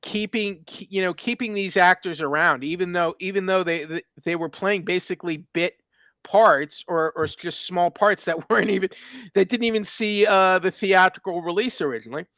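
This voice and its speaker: Man, high voice, smooth tone, dry sound, casual show chat, halting with lots of fillers. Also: a bit bright, dry recording. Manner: hesitant, many fillers and restarts. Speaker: watch party co-host. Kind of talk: casual pop-culture chat.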